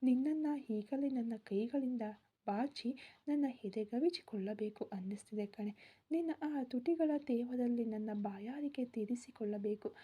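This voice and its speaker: A woman voicing an amorous, headstrong young husband, speaking in a hushed, intimate way that flares into heated outbursts. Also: fairly high pitch, measured pace, slightly rough. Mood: hushed longing.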